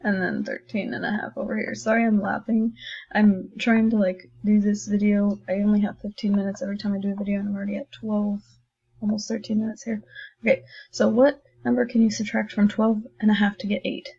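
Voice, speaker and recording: In a recorded online lesson, a woman teacher works through math problems for her students, chatty and encouraging as she thinks aloud while writing. Her mid-range voice is dark, gravelly, and husky, delivered flatly and fairly quickly. The recording sounds dull and lo-fi.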